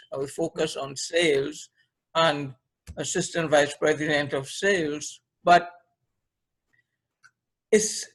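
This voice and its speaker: A middle-aged or older man from Trinidad and Tobago, with a Trinidadian accent and fairly high pitch, talks conversationally as a podcast guest. A leadership trainer, he recounts his own career in an interview, on a low-quality recording.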